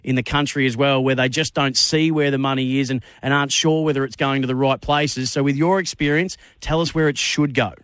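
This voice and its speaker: A man's voice: medium pitch, steady tone, a little fast, hardly any pauses, a bit bright, smooth. An Australian man presenting a sports talkback radio show as its host.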